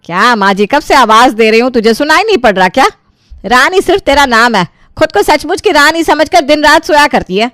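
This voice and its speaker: A woman's voice: sits high, lively intonation, a little fast, fairly bright tone, dry recording, clean studio sound, pitched above the performer's own voice. A woman voicing a bossy older mother-in-law who scolds and barks orders at her household. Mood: bossy scolding.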